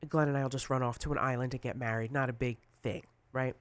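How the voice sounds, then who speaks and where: A man in his forties, a guest on a talk show, chatting casually and telling animated stories. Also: mid-range voice, fast talker, clear, resonant tone, no echo. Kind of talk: casual chat.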